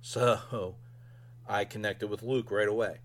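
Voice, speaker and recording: A man's voice: fairly low pitch, steady tone, slow. A man casually giving his own fan review as a solo podcast host.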